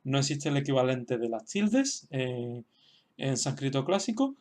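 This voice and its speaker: A man's voice: medium pitch, big pitch swings, measured pace, a little mellow. A man from explaining a language lesson in an unscripted way, hesitant, with many fillers and restarts. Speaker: teacher.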